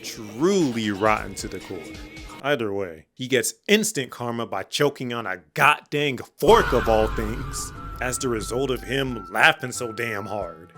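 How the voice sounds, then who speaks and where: A man reviews cartoon episodes in a comic, slang-heavy rant. His voice swings widely in pitch as he jokes. Faint music plays under his talk. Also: expressive, a little slow. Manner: slangy, joking, ranting. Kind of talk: comedic video commentary.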